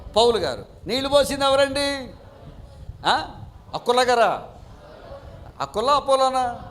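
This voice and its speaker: A middle-aged man preaching a sermon, asking the congregation questions and answering them himself, and reading scripture slowly. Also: high-pitched, a bit bright, a little hiss or hum. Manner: slow measured scripture reading. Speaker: pastor.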